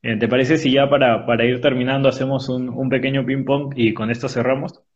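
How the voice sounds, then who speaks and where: A male interviewer with a medium pitch and little pitch movement fires off short, direct questions in a rapid question round over a video call. His questions are brief and broken by filler pauses. The remote call audio is dull and choppy because of a weak connection.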